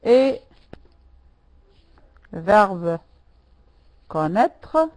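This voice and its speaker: Slow, patient woman teaching French. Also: mid-range voice, big pitch swings, darkish tone, slight background noise, poor audio. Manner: patient, repeats words and corrects students by name. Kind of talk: online language lesson.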